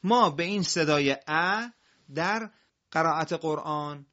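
Guy teaching kids to read quran on a broadcast, patient, calls out syllables loud, bright voice, muffled old audio. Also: a little high. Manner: patient, drills single syllables loudly. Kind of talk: broadcast classroom lesson.

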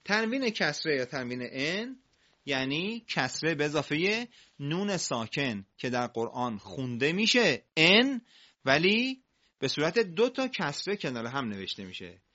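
Lively bright-voiced male reading teacher. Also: fairly high pitch. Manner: explains briskly, drawls example words slowly for repetition. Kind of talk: recitation lesson. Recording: muffled lo-fi audio.

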